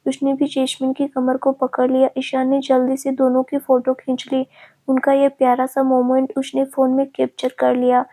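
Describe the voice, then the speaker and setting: A woman narrating a family love story in a steady, even reading. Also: high-pitched, moderate pace.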